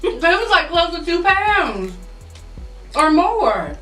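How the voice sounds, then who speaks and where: A woman's voice: extremely high pitch, sing-song, slow pace, pushed and bright. A woman in casual conversation, chewing while talking. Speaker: mukbang co-host. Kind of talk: casual chat. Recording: echoey room, distant mic, faint music.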